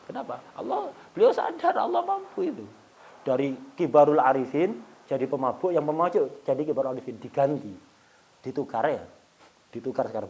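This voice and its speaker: A man teaching an Islamic study lesson, telling a story and acting out its dialogue, joking and chuckling with his listeners. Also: medium pitch. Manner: storytelling, acting out dialogue with sudden loud and soft turns. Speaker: religious teacher.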